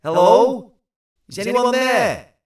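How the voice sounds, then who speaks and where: A man's voice: medium pitch, very animated, brisk, no echo, studio quality, lightly acted. A man voicing an earnest, curious adult space captain who talks in a raised, eager voice. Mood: anxious.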